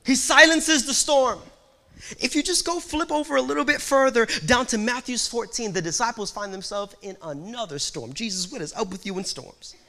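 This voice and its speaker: High, bright-voiced male preacher. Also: normal speed. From Puerto Rico. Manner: dynamic preaching with big swings from hushed to loud. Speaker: pastor. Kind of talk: sermon.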